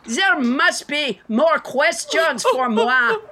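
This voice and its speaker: A woman's voice: high voice, sing-song, slow, bright, forceful tone, full character voice. A woman playing a pompous, self-important male president in a French Trump parody at a satirical press conference, making grand declarations with mock-French words. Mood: blustering.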